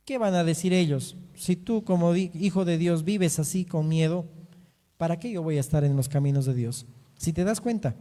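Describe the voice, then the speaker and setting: High-voiced pastor preaching in a hall. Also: male voice, mellow. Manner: teaching, reading and explaining scripture; asks rhetorical questions, often ending with "¿no?". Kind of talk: sermon. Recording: reverberant hall sound.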